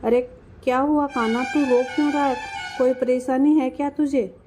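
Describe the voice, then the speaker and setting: A woman voicing a shrewd, teasing elderly village grandmother who asks sharp, scolding questions. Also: sits high, steady tone, normal speed, over music, voice pushed up, natural voice. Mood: probing.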